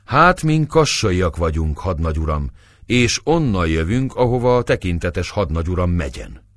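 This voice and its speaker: A man voicing a blunt, big-jawed common soldier who talks in a slow rustic drawl and keeps asking mocking questions. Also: low voice, sing-song, no echo, clean studio sound. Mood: drawling, taunting.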